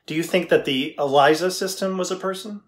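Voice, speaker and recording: In a scripted dramatization set indoors with a plain backdrop, a middle-aged man plays a tech engineer interviewing an AI. His fairly high voice is brisk and lightly acted, and he comes across as curious, skeptical, probing and matter-of-fact.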